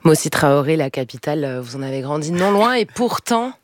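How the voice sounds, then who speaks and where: A woman hosting a radio talk show, introducing guests in a measured, formal way. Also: sits low, very animated, slight background noise. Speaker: radio host.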